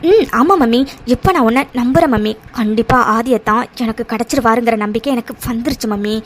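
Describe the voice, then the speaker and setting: Cartoon brat, spoiled jealous young woman, slightly high and whiny, voiced by a woman. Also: a little fast, natural voice. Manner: whiny, pleading with her mother. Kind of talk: cartoon dubbing.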